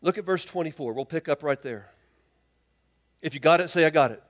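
Animated high-voiced man preaching a sermon. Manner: animated storytelling, acts out the people in the text in quick lively voices; drops to a quiet, earnest tone for key points. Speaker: pastor. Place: church sanctuary.

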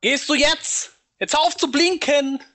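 A man playing a video game yells at it in frustration, so loud that his microphone clips and distorts. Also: very high-pitched, a little slow. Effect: clipping, overdriven mic distortion. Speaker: let's play gamer. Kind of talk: casual gaming chat. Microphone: desk mic. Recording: clipping mic with faint music behind.

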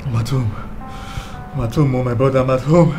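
A man's voice: medium pitch, a little fast, loud music behind the voice, natural voice. A Nigerian actor playing a husband and businessman in a Nollywood film, talking animatedly. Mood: distraught. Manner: animated, stammers when shaken.

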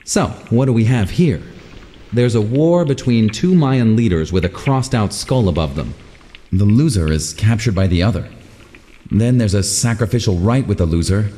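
A man's voice: on the low side, animated, moderate pace, warm tone, big-room sound, natural voice. An actor playing a curious male explorer of ancient ruins in a video game, musing aloud as he puzzles over clues. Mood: puzzled. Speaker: game protagonist.

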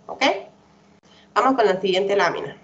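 A woman's voice: mid-range voice, moderate pace. Woman, online English teacher; patient, repetitive, checks in a lot; muffled call-quality sound. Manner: patient, repetitive drilling, frequent "¿verdad?" checks. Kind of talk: online class lecture. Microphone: computer mic on a video call. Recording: dull lo-fi video call audio.

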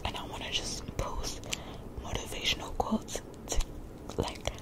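A woman's voice: measured pace, poor audio. Whispering young woman, chilled-out ASMR. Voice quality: breathy whisper. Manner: laid-back, rambling, repeats phrases softly. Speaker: ASMR creator. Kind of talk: whispered ASMR casual chat. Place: small bedroom, lying in bed. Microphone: desk condenser microphone very close to the mouth.

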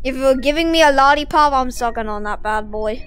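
A woman hosting a gameplay video, talking in a rambling, loud way and often breaking into shouts. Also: high-pitched, fairly quick, faint music behind. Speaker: gaming video host. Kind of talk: chatty gameplay commentary.

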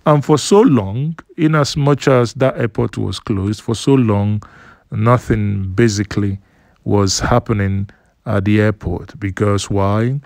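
A man giving an unhurried voice-over commentary on photos, explaining things at length with fillers and restarts. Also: on the low side, gravelly, a little mellow, dry recording, clean studio sound. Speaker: news commentator. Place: studio voice-over, not at the pictured site.

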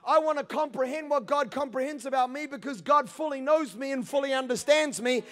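A man in his thirties preaching a sermon on a large church stage into a handheld mic, swinging between hushed passages and shouted peaks. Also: extremely high pitch, brisk. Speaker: pastor. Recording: long hall reverb.

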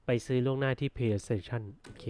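A man's voice: medium pitch, normal speed. A man playing through a horror game demo, muttering to himself and breaking into startled outbursts. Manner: excitable, jumpy outbursts and muttering. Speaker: gameplay streamer. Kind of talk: casual let's-play commentary.

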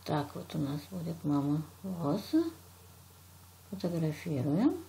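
Her voice sits low, creaky and mellow, with lively intonation and a slightly slow pace. This Russian teacher patiently leads a child through drawing step by step, praising and describing each move.

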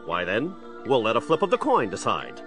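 In an audio drama, an actor voices a menacing, theatrical crime boss with a split personality who gloats and calls himself "we." His low-leaning voice swings hugely in pitch at normal speed over music, sounding smug and commanding.

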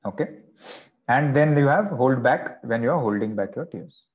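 A man teaching an online class at a middle pitch, walking through each option calmly. He checks in often with a quick "okay" or "right". The audio is dull and lo-fi.

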